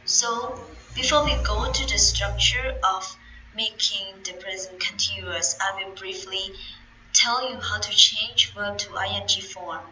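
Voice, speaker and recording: Slow, bright-voiced Khmer-accented woman teacher. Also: mid-range voice, steady tone, slight background noise, rough recording. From Cambodia. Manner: slow, patient, spells out letters. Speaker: English teacher. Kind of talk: classroom grammar lesson.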